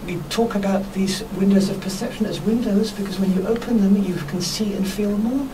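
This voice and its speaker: A woman being interviewed on radio as a workshop teacher, explaining spiritual ideas in an earnest, reflective, measured way. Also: mid-range voice, steady tone. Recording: noisy, distant microphone.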